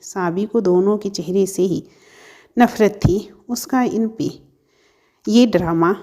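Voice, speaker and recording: A woman narrates a scripted family story in a mellow, warm voice. Her reading is steady and even, carrying the plot along at a calm pace. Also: medium pitch, slow pace.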